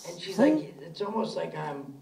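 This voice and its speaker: A man with a high, gravelly voice rambles through a story on a live comedy podcast, giggling as he goes and acting out other people's lines. He sounds distant from the mic, and the stage gives his voice a roomy echo. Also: very animated, moderate pace, a crowd in the background. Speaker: podcast co-host. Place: live stage before an audience.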